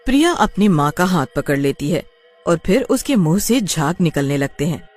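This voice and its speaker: Expressive woman narrating a cartoon story. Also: on the low side, normal speed, soft background music.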